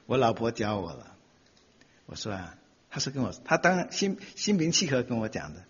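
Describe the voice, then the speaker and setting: Animated man with a husky voice in a hall. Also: mid-range voice, a little fast. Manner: animated storytelling, acts out quoted voices and laughs often. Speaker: speaker giving a talk on marriage. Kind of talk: humorous talk to an audience. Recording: dull lo-fi sound with long hall reverb.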